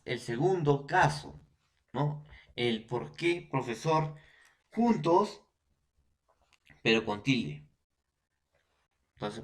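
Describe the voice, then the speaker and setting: A man with a Peruvian Spanish accent giving a recorded language lesson. He addresses young students directly, repeats points, and checks their understanding often. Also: medium pitch. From Peru. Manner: repetitive, often checks in with "¿no?" and "entonces". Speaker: language teacher.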